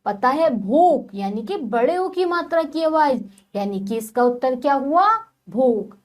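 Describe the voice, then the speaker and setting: A woman teaches young children from a textbook. Her voice sits high and swings up and down a lot, and she sounds out each word slowly and patiently. She keeps turning to the class with questions. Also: lively intonation, a little mellow. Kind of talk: primary-school Hindi lesson, reading from a textbook.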